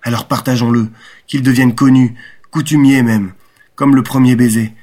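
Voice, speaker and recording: A man's voice: mid-range voice, fairly even intonation, moderate pace, darkish tone, natural voice. A man reading a young romantic's impassioned, ironic inner monologue. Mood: exalted. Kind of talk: audiobook reading.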